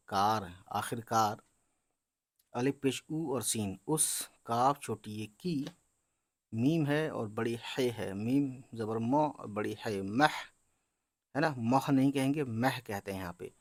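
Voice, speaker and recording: A man teaching beginners to read Urdu, spelling words letter by letter, drawing the sounds out slowly and checking in with his listeners. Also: on the low side, no echo. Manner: explains patiently, often checking with "है ना?" and "ठीक है?". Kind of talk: letter-by-letter reading lesson.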